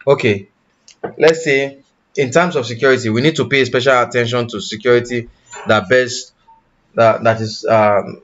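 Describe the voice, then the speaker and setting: A man teaching blockchain development in a live online class, pausing often and correcting himself, and checking in with "you understand?". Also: medium pitch, fairly bright tone, highs cut off. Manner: halting, self-correcting, asks "you understand?". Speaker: tech instructor.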